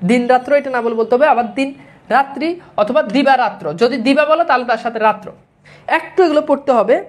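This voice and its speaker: A woman's voice: sits high, fast. A woman from Bangladesh teaching grammar to exam students, drilling the wrong and right forms over and over and dropping in English words. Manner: mixes English words into speech. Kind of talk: classroom-style lecture to exam students.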